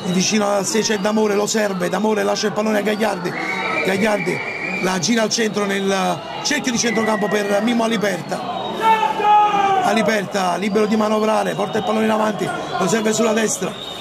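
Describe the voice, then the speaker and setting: A man's voice: high voice, steady tone, normal speed, gravelly. A man giving live play-by-play football commentary as a radio commentator. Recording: very noisy stadium, loud crowd. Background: loud crowd in an open stadium.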